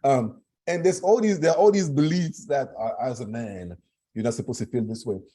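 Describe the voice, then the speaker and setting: A man from Cameroon talks as a guest over a video call in a mellow, husky voice. He speaks earnestly, pressing his points and repeating words for emphasis. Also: medium pitch, normal speed. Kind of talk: conversational talk.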